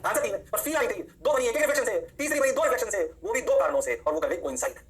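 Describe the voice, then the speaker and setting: A man teaching an energetic physics lecture, often answering his own questions in a student's voice. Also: high voice, racing. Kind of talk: online lecture.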